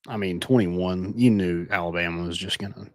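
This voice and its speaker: A man's voice: sits low, moderate pace, no echo. A man co-hosting a podcast, chatting casually about college football and telling stories animatedly. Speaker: podcast co-host. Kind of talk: casual sports chat.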